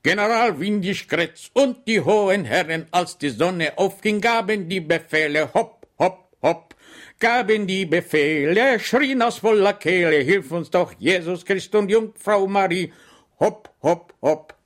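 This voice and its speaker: A man's voice: medium pitch, expressive, moderate pace, fairly bright tone. A man voicing a good-natured, bumbling middle-aged soldier, bedridden with rheumatism, who talks with solemn cheer and bellows war songs. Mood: rousing singing.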